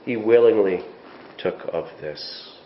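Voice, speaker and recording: A man's voice: on the low side, takes it slowly. A man preaching a sermon as pastor, reading scripture aloud and asking rhetorical questions. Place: church sanctuary. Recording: echoey, dull church recording with faint hiss.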